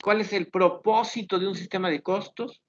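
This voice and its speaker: A man teaching an online class, thinking aloud as he reviews student questions in a measured, explanatory way. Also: high voice, steady tone. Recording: dull lo-fi online class audio.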